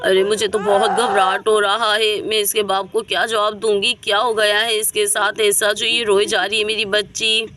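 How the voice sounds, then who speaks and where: Lady voicing a worried mom in a doll story, pleading and anxious, bright tone. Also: medium pitch, flat delivery, moderate pace, hardly any pauses, lightly acted. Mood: distraught. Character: worried middle-aged mother, tearful and fussing.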